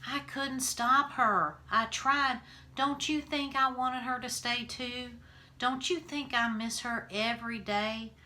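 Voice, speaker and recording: A woman voicing a grieving, gentle preacher father who speaks slowly and softly. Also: fairly high pitch, fairly even intonation, voice pushed up. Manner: slow, soft and weary.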